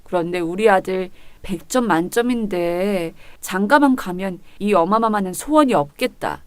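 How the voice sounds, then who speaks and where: A woman voicing a doting elderly mother who speaks softly and gently. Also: medium pitch, normal speed, clean tone, no echo, voice pushed down, close to an everyday voice.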